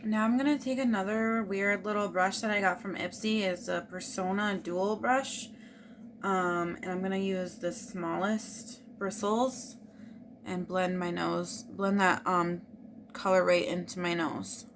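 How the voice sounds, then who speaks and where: A woman's voice: mid-range voice, fairly even intonation, measured pace, noisy background. A woman casually walking viewers through her makeup routine, explaining each step as she goes. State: hiccuping. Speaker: beauty vlogger.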